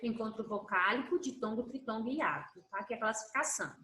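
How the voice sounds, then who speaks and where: A woman's voice: a little high, fast, bright, forceful tone, echoey room, low-quality recording. A woman primary school teacher adding short reminders during a colleague's review lesson. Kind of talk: recorded class review lesson.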